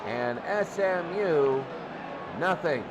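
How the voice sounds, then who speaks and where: A man with a somewhat high, lively voice calls American football play-by-play live, extremely slowly, in short clipped phrases and repeating his calls as he follows the action. The recording is muffled and noisy, with a loud crowd din behind him.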